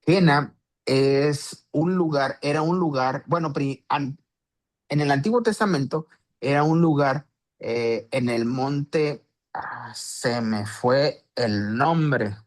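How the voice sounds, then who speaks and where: Male Bible teacher, mid-pitched, casual explanatory delivery. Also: takes it slowly. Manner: conversational, with rhetorical questions and restarts. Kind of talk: Bible study talk.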